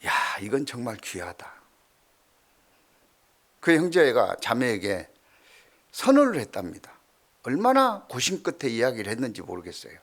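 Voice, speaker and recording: A middle-aged male pastor preaching a sermon, telling stories with swings from loud to hushed. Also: medium pitch, big pitch swings, normal speed, long pauses.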